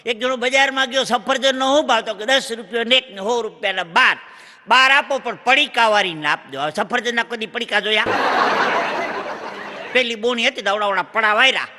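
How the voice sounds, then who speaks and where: A man's voice: very high voice, moderate pace, bright, forceful tone, slight background noise. A man, a stand-up comedian telling jokes on stage and acting out bits of dialogue. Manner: punchy joke-teller, acting out bits of dialogue. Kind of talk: Gujarati comic storytelling on stage. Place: stage before a live audience in a large hall. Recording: long hall reverb from a live stage show.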